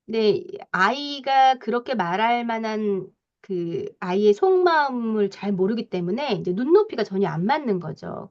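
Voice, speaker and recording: A woman parenting coach giving a lecture, talking in a lively way with frequent soft fillers and acting out parents' lines as she explains. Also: a little high, highs cut off.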